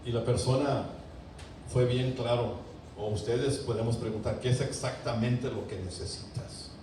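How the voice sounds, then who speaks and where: A man preaching a sermon to his congregation, fervent, with loud emphatic peaks, quiet drops and many rhetorical questions. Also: mid-range voice, moderate pace. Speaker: pastor. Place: large church sanctuary. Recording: very echoey church, voice from a distance, faint room hiss.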